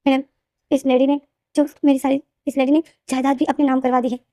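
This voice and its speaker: A woman's voice: sits high, level tone, fairly quick, dark tone, no room sound, clean studio sound, natural voice. A woman voicing a desperate young man who keeps pleading with his father that he is not lying. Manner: pleading, repeating "dad".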